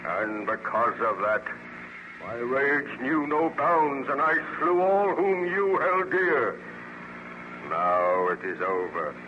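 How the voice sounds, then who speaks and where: An actor playing an artificial monster, a bitter lonely outcast, in formal declamatory old radio serial style with dramatic pauses. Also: male voice, mid-range voice, lively intonation. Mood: anguished, solemn. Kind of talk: 1930s-40s radio serial acting. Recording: noisy muffled old radio recording.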